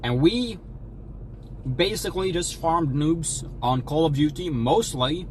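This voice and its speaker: A young man hosts a relaxed livestream, joking along in a folksy fake American drawl. His voice sits a little high for a man. A faint hum of noise runs under his talk. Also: measured pace, poor audio. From Sweden. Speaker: streamer. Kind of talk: casual livestream chat while eating.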